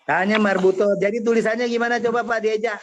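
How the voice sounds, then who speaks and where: Give me a high-pitched man running an online class, on muffled call audio. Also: steady tone, fast talker, no echo. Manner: patient, quizzing students by name. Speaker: Arabic teacher. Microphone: video call.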